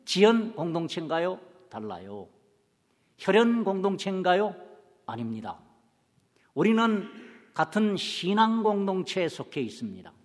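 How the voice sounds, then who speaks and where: A man's voice: high-pitched, very animated, measured pace, big-room sound. A man preaching a sermon. He asks the congregation rhetorical questions, answers them himself, and acts out little everyday dialogues. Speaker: pastor.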